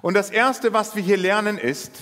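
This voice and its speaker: A man's voice: high-pitched, moderate pace, a bit bright, big-room sound. A man preaching a sermon, retelling a parable in vivid, dramatic storytelling.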